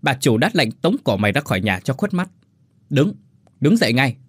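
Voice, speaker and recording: A man voicing a spiteful young female servant who sneers and curses, with a husky voice. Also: mid-range voice, big pitch swings, normal speed, no room sound, studio quality. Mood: sneering. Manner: sneering, cursing.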